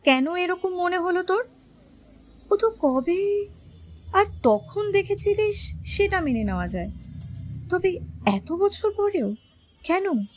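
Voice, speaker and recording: An actress playing a gentle, questioning young woman among friends in an audio drama. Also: very high-pitched, sing-song, slow, long pauses, a little hiss or hum, exaggerated voice.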